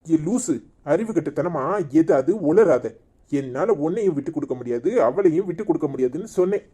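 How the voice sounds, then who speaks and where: A man's voice: on the high side, animated, fairly quick, mellow, breathy edge. A man voicing a scolding village husband torn between two wives, with a Tirunelveli Tamil accent. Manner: scolding, name-calling. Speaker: voice actor in a cartoon comedy. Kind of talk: village cartoon drama.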